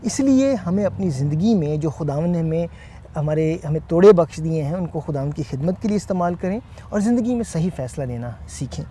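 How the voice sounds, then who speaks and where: A man co-hosting a Bible teaching talk, speaking in a measured way with frequent hesitant fillers. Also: on the high side, expressive, warm tone, slight background noise. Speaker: co-host.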